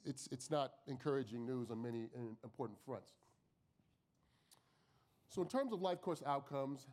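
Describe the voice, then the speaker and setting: A man with a hoarse voice from a cold, giving a measured research presentation at a conference. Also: medium pitch, darkish tone. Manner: measured, explanatory, with ums and restarts. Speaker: research consultant presenting data. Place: conference plenary stage.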